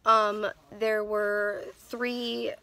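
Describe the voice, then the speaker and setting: A woman's voice: mid-range voice, level tone, drawn-out words, vocal fry, pushed and bright. A woman in her twenties vlogging to a phone camera, telling her stories candidly with lots of ums and restarts. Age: 20s. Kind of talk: casual storytelling to camera. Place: in a car.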